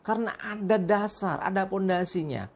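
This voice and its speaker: A woman leading a morning devotion, praying and reading scripture slowly, then explaining it in an earnest, emphatic way. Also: mid-range voice. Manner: earnest, slow deliberate reading, brisker emphatic asides.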